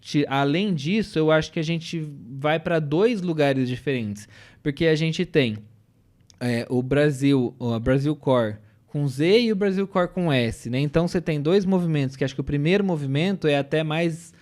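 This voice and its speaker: A young adult man with a Brazilian Portuguese accent offers strong opinions as a podcast panelist in a laid-back discussion, often ending sentences with "né?" or "entendeu?". He's emphatic, with a fairly high, slightly mellow voice at normal speed.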